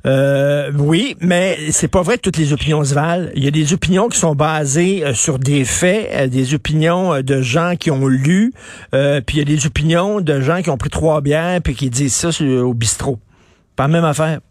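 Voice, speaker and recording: A man's voice: fairly high pitch, normal speed, a little mellow, no echo, clean studio sound. A man with a Québécois accent hosting a radio talk show, blunt and colloquial, with many fillers. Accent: Québécois French. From Quebec. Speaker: radio host.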